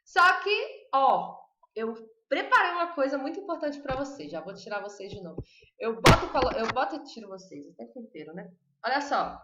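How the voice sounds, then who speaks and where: A Brazilian woman teaching Spanish in a live online lesson, chatty and drilling words slowly, with a Brazilian accent. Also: fairly high pitch, sing-song, fairly bright tone. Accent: Brazilian Portuguese. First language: Portuguese. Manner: chatty, repeats words slowly for students to copy. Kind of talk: live online lesson, reading chat questions. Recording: echoey room, dull lo-fi sound.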